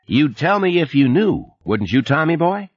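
Reading an audiobook, a man puts on a brash, drawling Texan plant supervisor, pushy and folksy with a twang, in a needling mood. His slightly rough voice is pitched above his own, on the high side with big swings at normal speed. The dry recording sounds dull and lo-fi.

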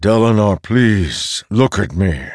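A man performs an ancient, weary storm spirit from an audiobook fantasy, his voice a rumbling low growl. He speaks slowly and gravely, with great weight behind every phrase. The recording is dry and close. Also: expressive, darkish tone, no echo, exaggerated voice. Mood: pleading. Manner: slow, solemn and heavy.

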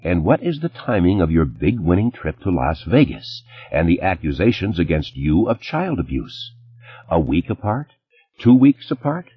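A man reading an audiobook, voicing a sharp, image-conscious ex-wife who scolds in a clipped, indignant way. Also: low voice, sing-song, moderate pace, husky, lo-fi sound, heavily acted. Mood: furious.

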